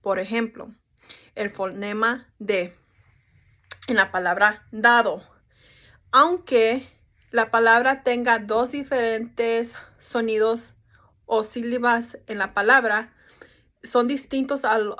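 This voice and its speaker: A woman's voice: fairly high pitch, fairly even intonation, slow, fairly bright tone. A young woman explaining a topic in a class presentation, casual, with restarts and English fillers. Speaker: student presenter.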